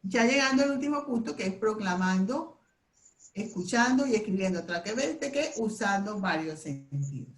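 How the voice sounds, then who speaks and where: Woman teacher with a higher voice, explaining step by step to a class, in a roomy echo. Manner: explains step by step, leads group recitation. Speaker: Bible memorization teacher. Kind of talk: classroom lesson.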